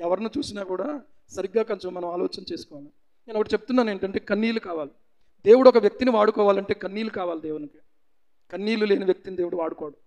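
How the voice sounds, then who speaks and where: A man preaches a sermon with fervent, rising intensity. His voice sits high, and he keeps pressing the congregation with repeated rhetorical questions. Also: very fast, a little mellow, highs cut off. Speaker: pastor.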